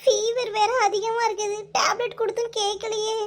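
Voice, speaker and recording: A worried young village sister in a cartoon, talking soft and pleading in a Kanyakumari Tamil accent, as a woman voices her. The voice sits extremely high. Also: little pitch movement, moderate pace. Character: young woman caring for her feverish sister, anxious and tearful.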